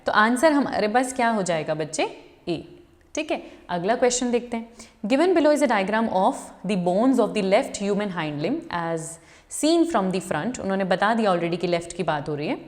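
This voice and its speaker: Speaking a little slowly with lively intonation, a female teacher works through exam questions one step at a time, restating answers and addressing the class as her children. Her mid-range voice carries a long reverb.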